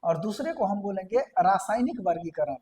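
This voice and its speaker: A woman's voice: mid-range voice, lively intonation, moderate pace, warm tone. Woman teaching a step-by-step science lesson. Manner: explains step by step, asks and answers her own questions; repeats key terms for emphasis. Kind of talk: classroom lecture.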